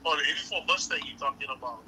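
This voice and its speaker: A man's voice: fairly high pitch, very fast, sharp tone, a little hiss or hum, low-quality recording. A man hosting a casual livestream chat, telling stories and laughing often. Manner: storytelling, laughs often, says bro, Hawaiian pidgin touches. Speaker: livestream host.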